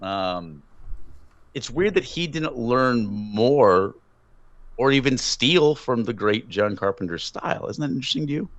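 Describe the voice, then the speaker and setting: A man's voice: medium pitch, animated, measured pace, a bit bright, no room sound. Male podcast host, casual rambling delivery, laughs easily, muffled dry recording. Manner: rambling, laughing, frequent fillers. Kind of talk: casual chat.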